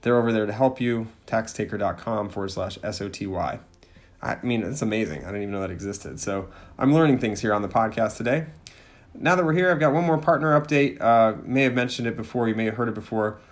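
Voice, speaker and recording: A man with a fairly low voice runs through announcements and sponsor spots for his podcast. His delivery is upbeat and promotional, with a few restarts here and there. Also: fairly quick. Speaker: podcast host.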